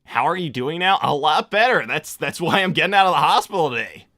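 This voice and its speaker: Casting: man as young male cartoon hedgehog, high-pitched and bright, casual, rambling, a bit awkward, dry close sound. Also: animated, fairly quick, no room sound, faint music behind. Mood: casual, unsure. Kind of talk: improvised in-character livestream Q&A.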